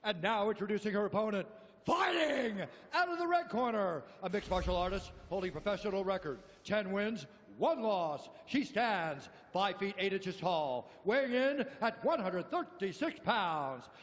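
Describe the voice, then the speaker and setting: Man, booming ring announcer, very high projected pitch, theatrical, drawn-out names, reverberant noisy hall. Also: expressive, fairly bright tone. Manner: theatrical, stretches out names and key words. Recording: echoey arena PA, background noise.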